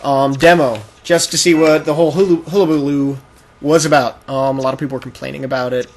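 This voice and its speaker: A man with a medium-pitched, steady voice talks fast as he hosts a gaming podcast. He chats casually and explains things at rambling length while a video game is played, sometimes acting out imagined quotes, and the amateur recording is noisy with game sounds.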